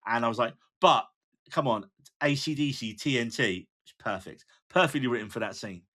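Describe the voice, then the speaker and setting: A man's voice: medium pitch, moderate pace, a bit bright. A man co-hosting a podcast, chatting enthusiastically and working from his own notes. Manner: enthusiastic, reads out notes and lines. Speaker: podcast co-host. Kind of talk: casual chat.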